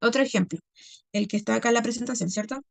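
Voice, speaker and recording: A woman teacher reviewing a class lesson, checking in constantly with "¿ya?" and "¿cierto?" and pausing on many fillers. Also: on the high side, gravelly, no room sound. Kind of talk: recorded class review lecture.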